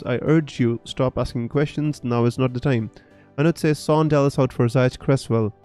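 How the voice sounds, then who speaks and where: A young Punjabi man from North India streams fantasy football, his medium-pitched, dark-toned voice carrying a mixed international English accent absorbed from gamers online. He chats live and reads viewer comments aloud, full of fillers and restarts.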